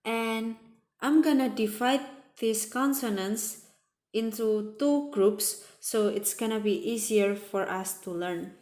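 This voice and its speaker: A woman with a fairly high voice teaches a language lesson at a very slow, deliberate pace. She explains patiently and repeats example sounds one by one. The room around her is echoey. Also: fairly even intonation, darkish tone.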